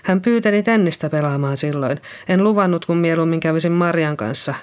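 A reader voicing Liisa, a nervous middle-aged nurse who found a body and speaks in a hesitant, shaky way. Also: female voice, low voice, a little mellow, natural voice. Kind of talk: audiobook reading.

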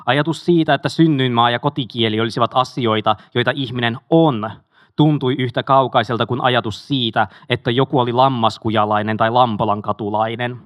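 Guy reading his memoir out loud, steady and measured, mid pitch, dry close mic. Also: dry recording. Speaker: audiobook reader.

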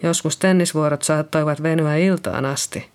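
A reader voicing Liisa, a nervous middle-aged nurse who found a body and speaks in a hesitant, shaky way. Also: female voice, deep voice, a little mellow, smooth, close to an everyday voice. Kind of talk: audiobook reading.

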